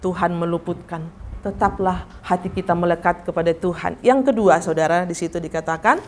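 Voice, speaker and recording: A woman pastor preaching a sermon in a church service, animated and often putting questions straight to the congregation. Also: on the low side, fairly quick.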